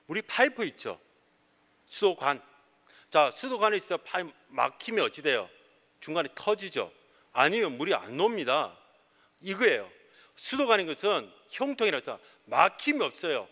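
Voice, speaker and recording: Lively middle-aged pastor preaching in a hall. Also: male voice, a little high. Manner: asks rhetorical questions and answers them himself. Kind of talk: sermon. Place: church sanctuary. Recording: reverberant church hall.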